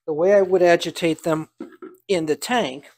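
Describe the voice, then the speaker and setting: A man's voice: on the high side, normal speed, darkish tone. An older man giving a casual hands-on demonstration, talking aloud in a folksy, dryly humorous way. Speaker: home cider maker demonstrating.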